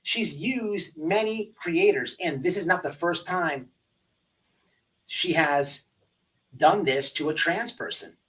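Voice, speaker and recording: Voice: mid-range voice, takes it slowly, bright, forceful tone, far from the mic, rough recording. A livestream host delivering an informal exposé in a smug, sarcastic way, hammering points by repeating phrases. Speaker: host of a livestream commentary channel.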